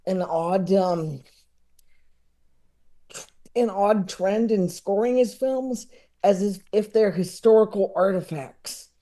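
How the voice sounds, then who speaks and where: A man in his thirties, appearing as a comedy-expert guest on a casual podcast, speaks slowly in a high voice with a dark tone and pauses often. He rambles and repeats words as he gathers his thoughts.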